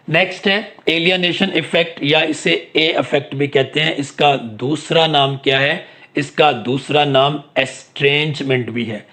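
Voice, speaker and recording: Slow, deliberate man lecturing. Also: on the high side, fairly bright tone. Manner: stretches key English terms slowly for emphasis; poses questions and answers them himself. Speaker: English literature lecturer. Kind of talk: lecture explaining literary terms.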